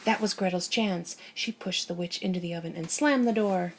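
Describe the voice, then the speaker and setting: A woman reading a bedtime story aloud to a young child in a gentle, encouraging way. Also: lowish voice, moderate pace, a little hiss or hum.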